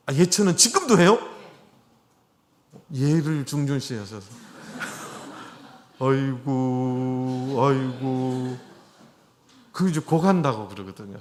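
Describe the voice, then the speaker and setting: A middle-aged man preaching a sermon in a church, chatting with his congregation and putting questions to them. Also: fairly high pitch. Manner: conversational, asks the congregation questions. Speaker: pastor. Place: church hall.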